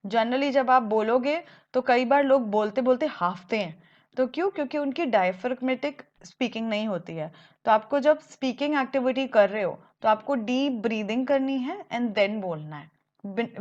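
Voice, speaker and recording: Higher-voiced woman coaching exam speaking. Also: muffled recording. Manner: explanatory, measured, slows down to stress points. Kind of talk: Hindi-English mixed lesson.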